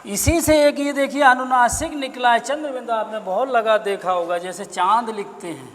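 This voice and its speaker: A male Hindi teacher giving a slow, deliberate grammar lesson, spelling sounds out one at a time. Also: extremely high pitch, a bit bright, in a large hall, slight background noise. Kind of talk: classroom-style explanatory lesson.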